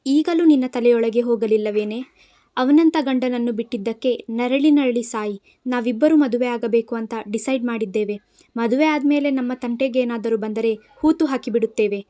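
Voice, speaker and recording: A woman's voice: on the high side, normal speed, mellow, close to an everyday voice. A woman reading a scheming young villainess. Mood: taunting. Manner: taunting, contemptuous.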